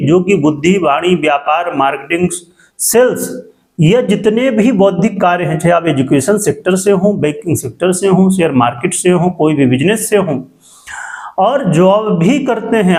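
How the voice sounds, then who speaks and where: A man with an echo on his voice gives a calm, measured horoscope talk as an astrologer and often speaks straight to his viewers. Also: sits high. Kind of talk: explanatory horoscope monologue.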